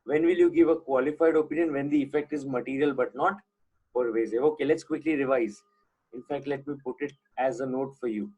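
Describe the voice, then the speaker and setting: A man's voice: mid-range voice, a little fast, darkish tone, husky, low-quality recording. A man teaching an online class, putting questions to students and repeating the key points.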